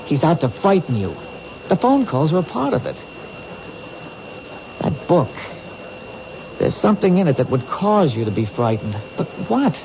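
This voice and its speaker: In a noisy, dull 1970s radio drama recording, a man plays an earnest, dogged police detective protecting a threatened woman. His fairly high, mellow voice swings widely in pitch at normal speed with frequent pauses. Intense and urgently insistent, he reasons things out aloud.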